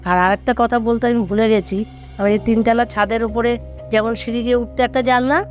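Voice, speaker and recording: A man's voice: extremely high pitch, fairly even intonation, a little fast, faint music behind. A man telling a ghost story in casual conversation, rambling and repeating himself with many fillers.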